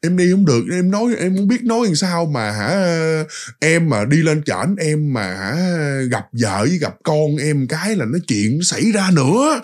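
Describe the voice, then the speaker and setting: A remorseful husband caught in a spell pleads for forgiveness, as a male storyteller puts him on. He drags out his words, his pitch sitting a little high and swinging widely. The way he speaks is apologetic and pleading throughout. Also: very animated, moderate pace. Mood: fearful.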